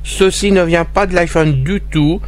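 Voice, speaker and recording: A man's voice: high-pitched, fairly even intonation, a little slow. A man presenting an informal step-by-step tutorial, talking straight to his listeners as he describes what he does. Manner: addresses listeners directly, narrating his own actions. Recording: faint hiss from recorder. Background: hiss.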